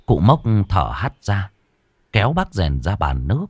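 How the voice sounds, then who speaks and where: A man's voice: low voice, wildly swooping pitch, unhurried, slightly rough, dry recording. A man narrating a horror story in a dramatic, suspenseful way.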